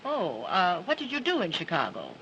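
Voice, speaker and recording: A woman's voice: fairly low pitch, wildly swooping pitch, moderate pace, fairly bright tone, dull audio, slight background noise, full character voice. An actress playing a kindly, motherly woman who runs a neighborhood house, in early 1930s talkie film sound. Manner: kindly, fussing, reassuring.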